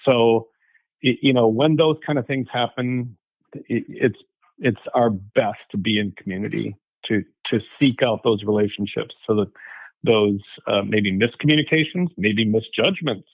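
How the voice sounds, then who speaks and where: Gravelly low-voiced man, reflective. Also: no echo, phone-quality sound. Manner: reflective, halting, many restarts. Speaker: podcast co-host. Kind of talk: casual podcast chat.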